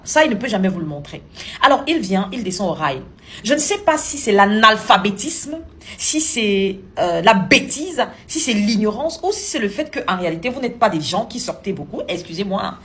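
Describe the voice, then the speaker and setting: A woman from Cameroon, giving indignant, sarcastic opinion commentary to camera as a vlogger. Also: medium pitch.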